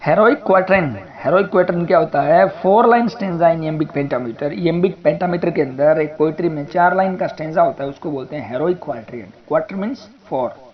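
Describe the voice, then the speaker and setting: A man with an Indian accent teaching English literature exam questions. He reads each question slowly in English and then explains it quickly in Hindi. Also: fairly high pitch, highs cut off. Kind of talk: exam prep lecture.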